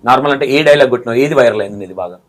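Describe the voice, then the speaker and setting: A man's voice: mid-range voice, very fast. A man, bluntly pressing and scolding his interview guest with pointed questions. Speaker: interview anchor.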